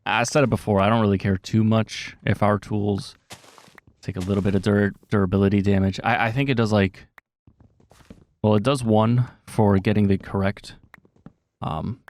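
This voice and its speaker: A man's voice: fairly low pitch, steady tone, normal speed, long pauses, a little mellow. A man giving casual, rambling gameplay commentary, full of fillers and self-corrections, with a slightly sore throat. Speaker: gaming commentator.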